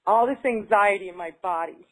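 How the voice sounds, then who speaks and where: A brisk woman with a mid-range voice repeats affirmations in a tapping exercise before drifting into casual talk. That looser talk is tentative and packed with fillers.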